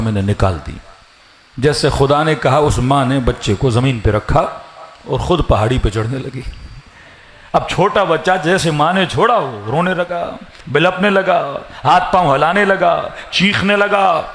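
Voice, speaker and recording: Male preacher with a fairly high voice, dramatic storyteller at a mourning sermon. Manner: dramatic storytelling, rising pitch and shouted emphasis. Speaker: religious scholar preaching at a mourning gathering. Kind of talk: Muharram majlis sermon.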